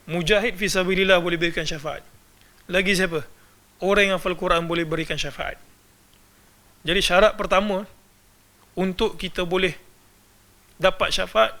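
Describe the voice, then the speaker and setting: A man's voice: sits high, pushed and bright. A man with a Malaysian Malay accent giving a religious lecture, often asking his audience rhetorical questions. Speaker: religious teacher.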